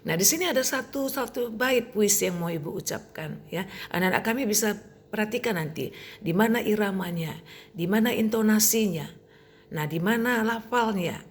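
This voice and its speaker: A woman teacher explaining a lesson to her pupils in a steady way, often starting with "nah" and ending with "ya". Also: medium pitch, normal speed. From Indonesia. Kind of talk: recorded lesson for pupils on reciting poetry.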